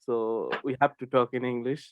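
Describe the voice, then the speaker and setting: A man's voice: medium pitch, little pitch movement, quick pace, narrow, tinny audio, noisy background. A man hosting a casual podcast, hesitant and filling his speech with "like" and "uh". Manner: hesitant, full of fillers. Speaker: podcast host.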